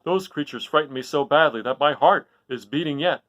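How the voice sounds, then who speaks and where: A man voicing a big storybook lion, fearful yet brave, with a drawn-out, emphatic delivery. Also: fairly high pitch, a bit bright, lightly acted. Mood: shaky relief.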